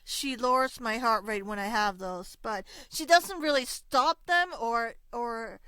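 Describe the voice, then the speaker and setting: A woman from Rico, speaking as a voice actor guest, soft-spoken and matter-of-fact. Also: fairly high pitch, unhurried, clear, resonant tone. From Puerto Rico. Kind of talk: casual interview chat.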